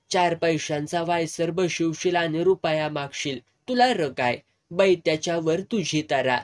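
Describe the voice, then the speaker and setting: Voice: medium pitch, darkish tone, close to an everyday voice. A narrator voicing a scolding old village woman. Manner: scolding, rough rural speech.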